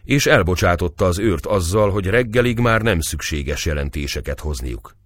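Male audiobook narrator, deep and very expressive, dry close sound. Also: no echo. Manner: acts out the dialogue with raised voice. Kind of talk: audiobook narration of a historical novel.

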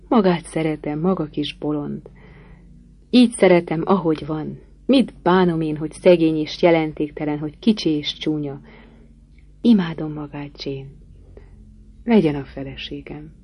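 A woman reading aloud as a passionate, brooding middle-aged gentleman who pleads ardently. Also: sits low, slightly rough. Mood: pleading.

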